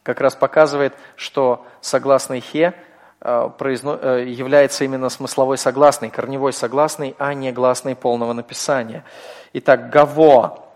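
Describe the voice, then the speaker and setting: A man's voice: medium pitch, flat delivery, moderate pace, big-room sound. A man teaching a class, explaining step by step in a patient manner with frequent hesitations. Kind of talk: classroom lecture.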